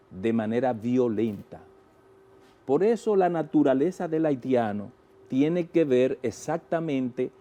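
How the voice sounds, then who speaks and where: A male commentator with a Dominican, Caribbean Spanish accent and a dark, relaxed tone. He sets out his analysis as an interview guest in deliberate, measured phrases, leaving weight on key words. His pitch is average for a man. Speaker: guest political analyst and journalist.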